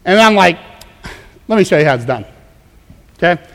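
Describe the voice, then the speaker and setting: A man's voice: high voice, animated, normal speed, a bit bright, big-room sound. A man preaching a conversational sermon as a pastor, emphatic and prone to repeating words as he goes. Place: church.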